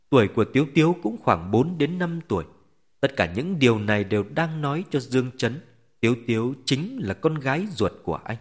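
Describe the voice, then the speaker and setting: Man, audiobook narrator, expressive, lively intonation, scripted narration. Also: medium pitch. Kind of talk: scripted narration of a web novel.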